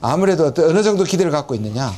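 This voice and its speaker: A man's voice: on the high side, animated, rapid-fire, mellow. A man, a professor giving a conversational on-site report and commentary in an explanatory, lightly self-mocking way. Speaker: professor acting as field correspondent.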